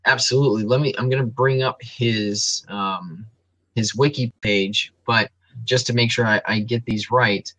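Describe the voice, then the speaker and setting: A man co-hosting a casual sports podcast breaks down fighters and records in detail, reeling off stats analytically with frequent ums and restarts. His voice is mid-range and fairly bright, with a steady tone and measured pace. The audio is poor but has no echo.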